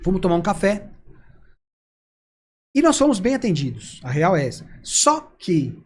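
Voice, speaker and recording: A man's voice: high voice, moderate pace, slight background noise. A man with a Brazilian Portuguese accent, a persuasion trainer explaining techniques in conversation and acting out quoted dialogue. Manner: animated, acts out quoted dialogue. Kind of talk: conversational explaining with acted examples.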